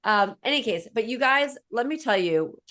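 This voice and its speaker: A woman's voice: on the high side, expressive, normal speed, fairly bright tone. Woman, Boston accent, podcast host, effusive and rambling. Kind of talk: casual interview chat.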